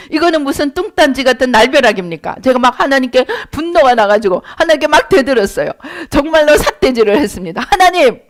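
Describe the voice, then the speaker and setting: High-voiced animated woman pastor preaching. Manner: animated storytelling, acting out prayers. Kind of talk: sermon with personal testimony.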